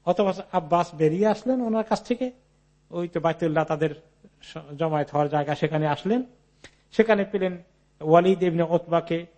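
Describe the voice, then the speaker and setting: A man giving an Islamic sermon, reading Arabic slowly and then explaining it in a casual, chatty way. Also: on the high side, darkish tone. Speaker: Islamic preacher.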